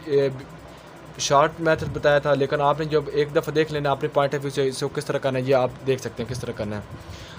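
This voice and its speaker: A man giving a quick exam-revision lecture as a tutor, asking himself a question and answering it at each step, with technical English terms mixed into his speech. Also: on the high side, a little hiss or hum.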